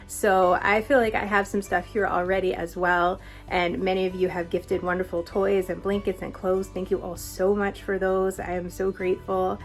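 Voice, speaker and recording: A young pregnant woman casually answering viewer questions in a vlog, chatty and laughing often, a little out of breath. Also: mid-range voice. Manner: chatty, frequent laughs and filler words. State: heavily pregnant, a bit out of breath.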